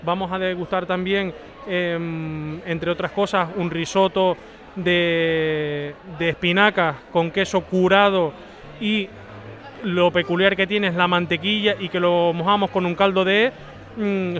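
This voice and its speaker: Halting masked chef, high-pitched. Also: male voice, steady tone, a bit bright. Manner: halting, many restarts and fillers. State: through a face mask. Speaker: head chef. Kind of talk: interview answers. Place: outdoor town square at a night festival.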